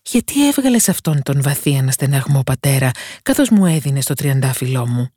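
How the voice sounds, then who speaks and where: A woman's voice: a bass voice, very animated, warm tone, slightly rough, no room sound, studio quality, heavily acted. A woman voicing a brave and loving young daughter in a fairy tale, speaking earnestly to her father. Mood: curious.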